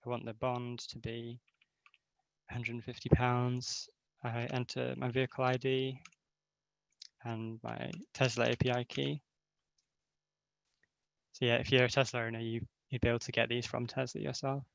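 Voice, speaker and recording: A man giving a casual software demo over a video call while sharing his screen, with many filler words. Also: medium pitch, completely flat delivery, normal speed, vocal fry, pauses often, dry recording. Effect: voice heard over a video call while sharing his screen. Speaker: hackathon team member giving a demo. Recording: dull, dry video call audio.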